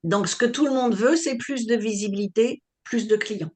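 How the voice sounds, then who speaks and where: Woman coach teaching a live webinar, explains patiently, keeps asking if it's clear. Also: fairly high pitch, normal speed, a little mellow. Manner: explanatory, checks on listeners with questions. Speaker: online business coach.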